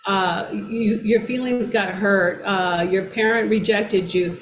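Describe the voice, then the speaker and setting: A woman co-teaching a brain-training class, speaking reflectively with many pauses and restarts. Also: mid-range voice, steady tone. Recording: roomy echo with faint background noise.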